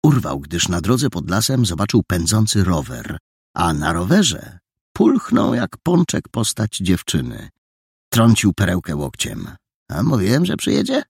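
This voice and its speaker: A man narrating a children's novel as an audiobook, with expressive storytelling. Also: low-pitched, measured pace, husky, no room sound, clean studio sound.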